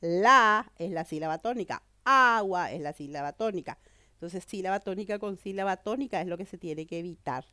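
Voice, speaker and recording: A woman's voice: lowish voice, fast, darkish tone, dry recording. A woman teacher with a cold, explaining a grammar lesson and often checking that students follow. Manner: explanatory, checks understanding with "¿verdad?" and "¿mm?". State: has a cold.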